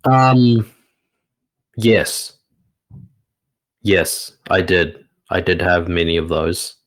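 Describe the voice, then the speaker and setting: This is a New man who teaches meditation, talking in a deep, slow, measured voice. He answers unscripted questions reflectively, stopping often to gather his thoughts before he goes on. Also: animated, rough recording. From New Zealand.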